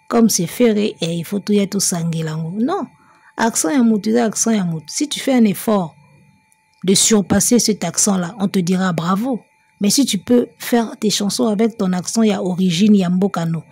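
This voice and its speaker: A woman's voice: medium pitch, lively intonation, moderate pace, mellow, slightly rough, dry recording. A woman, giving chatty, emphatic music commentary. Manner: mixes French and Lingala, chatty and emphatic, breaks into song. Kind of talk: casual spoken commentary.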